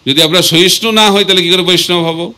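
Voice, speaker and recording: A man giving a devotional sermon, asking rhetorical questions and reciting verses slowly. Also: high-pitched, fairly even intonation, sharp tone. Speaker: swami preacher.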